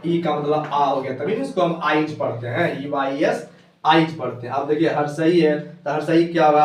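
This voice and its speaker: A man teaching English pronunciation at a board, spelling words out letter by letter and slowing down for English phrases. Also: fairly high pitch. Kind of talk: whiteboard lesson explaining pronunciation. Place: classroom with a board. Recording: echoey room, voice from far off, faint noise.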